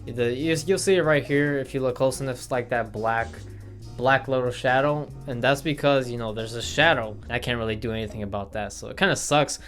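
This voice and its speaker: A man's voice: mid-range voice, fairly quick, fairly bright tone. A young man from Milwaukee, chatting casually in a vlog about himself, rambling with lots of fillers and restarts. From Milwaukee, Wisconsin, USA. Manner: rambling, filler-heavy, self-correcting. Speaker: vlogger. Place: indoor room with studio lights. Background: faint background guitar music.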